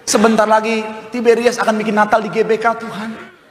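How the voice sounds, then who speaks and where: A man voicing a lonely single young person softly complaining to God. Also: high-pitched, completely flat delivery, a little fast, background noise, lightly acted. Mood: self-pitying. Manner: soft, self-pitying complaint. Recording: echoey church hall with ambience.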